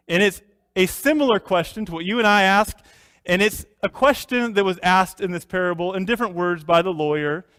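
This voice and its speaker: A man's voice: sits high, a bit bright, dry recording, studio quality, in a large hall. A man pastor preaching a sermon, telling a story in a folksy way before turning earnest.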